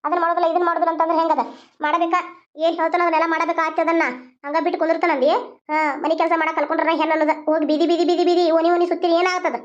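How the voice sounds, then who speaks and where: A woman voicing a nagging, sharp-tongued older mother-in-law in a cartoon. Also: very high-pitched, level tone, rapid-fire. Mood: scolding. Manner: scolding, lecturing. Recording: dull lo-fi sound.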